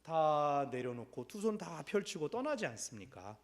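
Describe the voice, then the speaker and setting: A man's voice: fairly high pitch, sing-song, moderate pace. A man preaching a sermon as pastor in a church, acting out little quoted voices as he goes. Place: church sanctuary.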